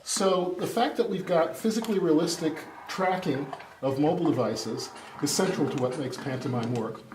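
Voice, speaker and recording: In an informal live tech demo, a man with a darkish, somewhat high voice speaks at a moderate pace, exclaiming and drifting into distracted asides. The room is echoey and noisy, with a distant mic and clattering.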